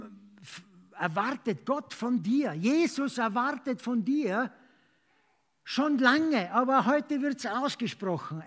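Man, high voice, slow delivery, emphatic sermon, urging, repetitive phrasing, halting. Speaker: preacher. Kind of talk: sermon with altar call and prayer.

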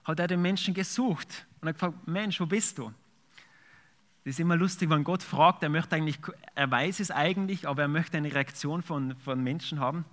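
A man's voice: fairly high pitch, normal speed. A man preaching a sermon, reading scripture aloud and then explaining it in a conversational way with fillers. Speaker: pastor.

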